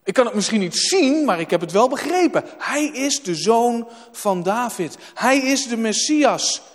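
A man's voice: very high-pitched, animated, a little slow, voice pushed up. A man voicing a blind beggar who declares his faith with certainty, raised and declaring. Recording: long hall reverb.

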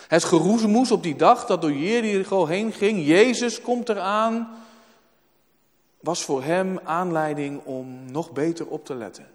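Male preacher, high voice, emphatic sermon, reverberant church hall. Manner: emphatic, repeats words for weight.

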